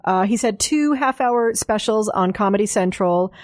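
A woman's voice: medium pitch, moderate pace, dry recording. Woman hosting, very dry close sound. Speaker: host, interviewer. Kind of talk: casual chat interview. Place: studio.

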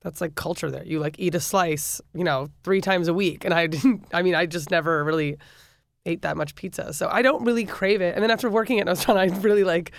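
A woman chef in her thirties from the Midwest chats through an interview, her voice carrying a gravelly fry. She fills her talk with fillers and easy laughs, recorded close and dry. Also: on the low side, fairly even intonation, fairly quick, dry recording. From Midwestern United States. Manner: chatty, frequent fillers and laughs. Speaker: chef and restaurant owner, guest. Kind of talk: casual interview conversation.

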